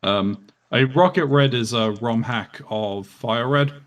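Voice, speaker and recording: A man's voice: medium pitch, slow pace. A man chatting casually on a stream about old games, hesitant and full of "um"s. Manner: hesitant, many "um"s. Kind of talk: casual gaming chat.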